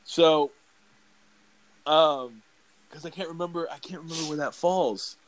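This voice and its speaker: A man's voice: on the high side, unhurried. A man talks through a film plot in a loose, chatty podcast recap. He rambles, restarts sentences and leans on fillers like "basically" and "um." His breathing stays audible between phrases. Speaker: podcast host. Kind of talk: casual movie recap.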